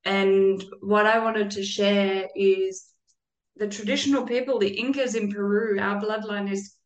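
In a conversational interview, a woman guest talks earnestly and reflectively about care and community, laughing now and then. Her voice sits in the mid range, and the recording is rough with a roomy sound.

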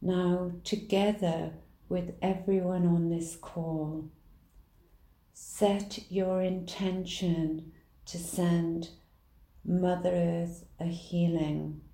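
Very slow, dark-voiced woman guiding meditation. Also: fairly low pitch, level tone. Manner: soft, slow, soothing delivery. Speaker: meditation guide. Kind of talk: guided meditation. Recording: roomy echo.

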